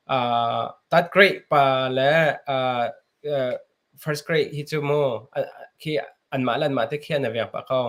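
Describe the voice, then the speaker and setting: A man interviewing a guest, hesitant and full of fillers. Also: medium pitch. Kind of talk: interview questions.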